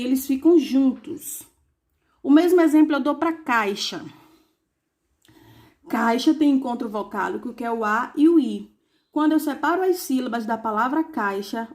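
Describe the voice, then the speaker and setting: Teacher lady going over a lesson for kids, slightly high voice, says each example word slow and clear. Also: darkish tone. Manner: slow, clearly spelled-out examples with rhetorical questions. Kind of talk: review lesson for young pupils.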